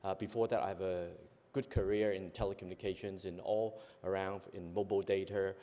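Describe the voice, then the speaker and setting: A man's voice: low-pitched, fairly even intonation, fairly quick, mellow, muffled recording. A man from Hong Kong giving a conference presentation, hesitant, with many fillers and self-corrections. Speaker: conference speaker, company executive. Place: large conference hall. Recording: long hall reverb from a conference venue.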